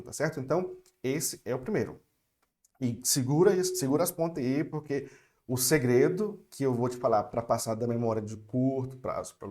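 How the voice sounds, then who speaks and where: A young man from Brazil gives an online French lesson, with a mellow, relaxed tone at a middle pitch. He talks patiently and slows right down to model phrases for his students to repeat. He keeps checking that they are following along. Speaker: French teacher.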